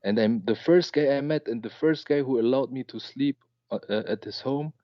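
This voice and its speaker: A man in his late twenties from Germany, calling into a live show and telling a personal story in a halting way. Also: mid-range voice, no echo, muffled recording. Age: late 20s. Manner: halting, with many fillers and restarts. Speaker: caller.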